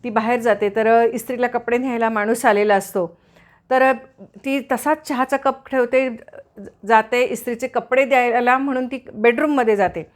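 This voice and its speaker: A woman retells a busy morning at home in a casual storytelling way. Her voice sits a little high, and she briefly slips into the voices of the people she describes. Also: fairly even intonation, moderate pace. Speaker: doctor giving family advice.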